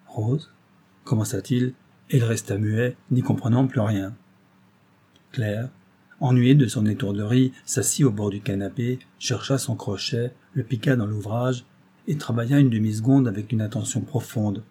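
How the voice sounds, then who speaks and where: A man narrating a novel in a measured storytelling way. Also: on the low side, fairly even intonation, warm tone, husky. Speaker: audiobook reader.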